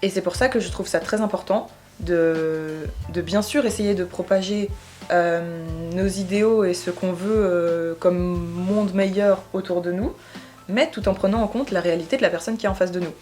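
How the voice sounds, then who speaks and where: A young woman from Switzerland, explaining her views in a casual vlog, pausing often with fillers. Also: lowish voice, darkish tone, faint music behind. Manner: thoughtful, hesitant, many fillers. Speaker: YouTuber.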